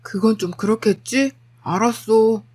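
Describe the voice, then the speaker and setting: A meek, wheedling young husband, voiced by a woman storyteller in her own fairly high register. He coaxes and begs softly and apologetically. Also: unhurried, slightly rough. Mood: coaxing. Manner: coaxing, apologetic. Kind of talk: storytelling with acted dialogue.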